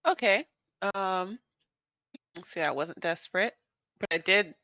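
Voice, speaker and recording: A woman's voice: fairly low pitch, lively intonation, unhurried, sharp tone, no echo, dull audio. A woman player on an online call whose voice keeps cutting in and out, talking hesitantly. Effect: voice cutting in and out over a bad connection. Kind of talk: casual tabletop game chat. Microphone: remote call microphone.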